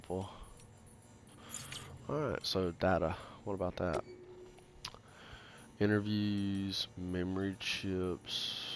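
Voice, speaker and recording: A man hosting a let's play, reading in-game text aloud in a casual, halting way and swearing freely between passages. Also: low-pitched, creaky, a little hiss or hum. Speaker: gaming channel host.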